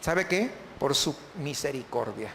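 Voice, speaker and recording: A man's voice: medium pitch, expressive, measured pace, creaky, a bit bright, in a large hall, a little hiss or hum. A man preaching a sermon as pastor, often asking the congregation questions.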